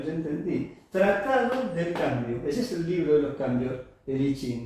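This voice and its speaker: A man's voice: mid-range voice, warm tone. A middle-aged man giving a qigong class, explaining patiently and checking in with his students through frequent tag questions. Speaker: qigong teacher. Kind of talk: classroom lecture. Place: classroom or practice hall. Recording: echoey hall, voice from far off.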